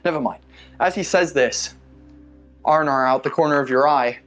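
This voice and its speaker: A man's voice: on the high side, moderate pace, a bit bright, soft background music. A man narrating a tabletop game as game master, describing scenes casually with fillers.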